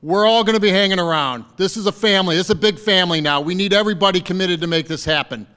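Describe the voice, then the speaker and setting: A man's voice: high-pitched, fast, bright, forceful tone, smooth, big-room sound. A man giving a fundraiser speech at a lakeside party, rallying the crowd with repeated calls to commit. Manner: rousing, repetitive rallying calls. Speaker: fundraising campaign speaker. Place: party venue by a lake.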